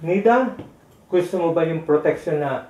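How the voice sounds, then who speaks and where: A man with a high, mellow voice leads a healing session, repeating soothing words and reciting prayers in a steady chant. He sits some way from the mic, so his voice comes through with the echo of the room around it. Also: normal speed. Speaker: exorcist healer. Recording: echoey room, distant mic.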